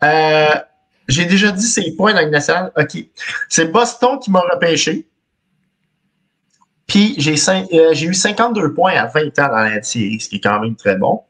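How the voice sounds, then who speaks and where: A man in his thirties with a Quebec French accent hosts a casual podcast quiz over a video call, picked up by his webcam. His voice is fairly high, a bit bright and expressive, at a normal speed. He reads the clues in the first person and laughs often.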